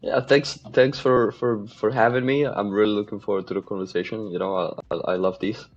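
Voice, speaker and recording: A man's voice: lowish voice, steady tone, brisk, soft background music. Easygoing young man. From Czech Republic. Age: 20s. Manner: easygoing, chatty, laughs easily. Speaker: podcast guest, mindset coach. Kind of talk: casual interview chat. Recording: slightly dull lo-fi sound.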